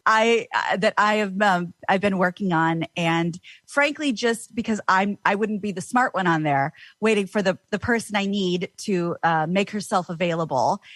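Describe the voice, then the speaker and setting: A woman voice actor chatting as a guest on a podcast interview, animated and exclamatory. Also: mid-range voice, normal speed, hardly any pauses, dry recording.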